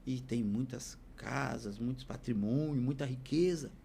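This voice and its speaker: A man's voice: mid-range voice, measured pace, gravelly, warm tone, slight background noise. A man, a podcast guest telling his life story as a heartfelt, preacherly testimony. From Bahia, Brazil.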